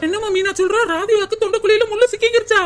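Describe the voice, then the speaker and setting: A woman voicing a brisk, capable young daughter-in-law in a cartoon, quick and scolding. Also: extremely high pitch, fairly even intonation, faint music behind. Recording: loud constant noise with clicks.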